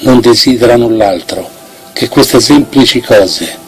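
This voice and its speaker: A man gives a theatrical poetry reading at a medium pitch. His delivery is solemn and expressive, swelling through the phrases, with music playing behind him. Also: a little slow, breathy edge. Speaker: poetry reciter.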